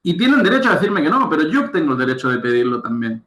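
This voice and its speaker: A man teaches a recorded class, explaining patiently and checking in with his listeners. His voice is bright and forceful, pitched a little high. The room around him rings with echo. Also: very animated, quick pace. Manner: explanatory, checks understanding with frequent "¿de acuerdo?" and "¿vale?". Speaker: lecturer and professional coach. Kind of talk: recorded online lecture.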